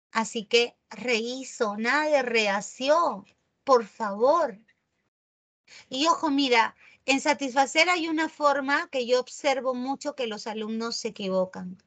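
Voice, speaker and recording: Slow-talking woman teaching grammar. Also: on the high side, a bit bright. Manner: corrective, asks the class rhetorical questions. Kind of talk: grammar lesson.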